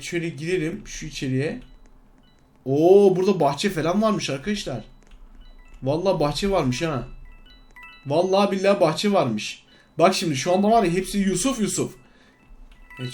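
A high-voiced man commentating his own gameplay in a loose, excitable way. He jumps from loud yelps of outrage to low, sneaky muttering. Faint game music plays behind him. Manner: excitable, swings between loud outbursts and sly muttering. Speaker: gaming YouTuber. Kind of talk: casual Let's Play commentary.

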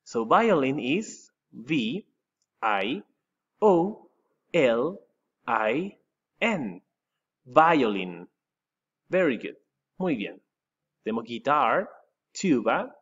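A man's voice: mid-range voice, highs cut off. A man from Chile with a Chilean Spanish accent, teaching English vocabulary to pupils, spelling each word out letter by letter and repeating it. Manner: spells words letter by letter, repeats them slowly with rising stress. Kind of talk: recorded vocabulary lesson for pupils.

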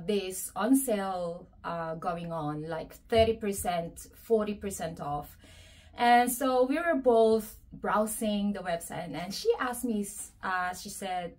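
A young adult woman vlogging an unboxing of gifts, gushing and excitable, repeating her delight over each item. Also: mid-range voice. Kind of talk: casual unboxing vlog.

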